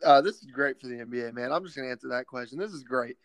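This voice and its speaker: A man co-hosting a casual sports podcast, emphatic and excited, often calling his partner "man". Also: medium pitch, racing, no room sound. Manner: excited and opinionated.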